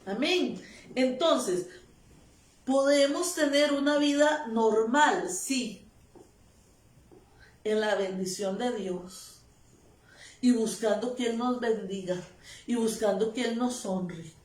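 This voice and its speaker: High-voiced lady preaching slow and emphatic, lots of amen, echoey room, mic kinda far. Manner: emphatic, repetitive, calls of amen. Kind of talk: sermon.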